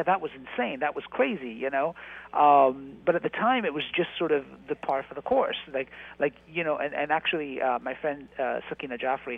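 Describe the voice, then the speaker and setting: A man, an actor and writer, talking as a guest in a casual radio interview, halting, with many restarts and fillers. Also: mid-range voice, vocal fry. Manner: halting, many restarts and fillers, animated when telling stories. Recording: tinny phone-like radio line.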